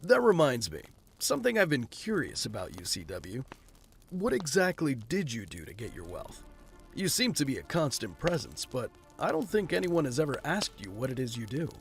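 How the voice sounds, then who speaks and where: A man's voice: mid-range voice, wildly swooping pitch, moderate pace, creaky. A man voicing Batman as a young billionaire in an audio drama, speaking earnestly and solemnly. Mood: curious. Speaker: voice actor. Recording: with background music.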